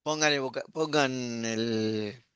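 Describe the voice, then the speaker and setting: A man, a pastor teaching an online class, explaining patiently and repeating words slowly. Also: medium pitch, fairly bright tone, smooth, no echo, clean studio sound.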